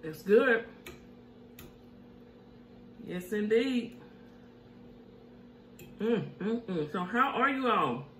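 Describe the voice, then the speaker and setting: Her mid-range, slightly bright voice carries lively intonation, though she talks extremely slowly with long pauses. This middle-aged woman hosts a mukbang cooking show from her home kitchen indoors, chatting casually while eating and humming over her food, and the echoey recording has a faint hiss.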